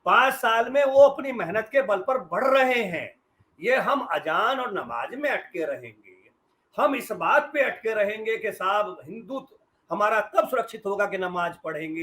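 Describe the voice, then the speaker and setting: Speaking at a normal pace, a journalist on a debate panel offers political commentary that is sarcastic and emphatic. He is a middle-aged man from western Uttar Pradesh, India, and his voice sits high, sounding expressive and fairly bright.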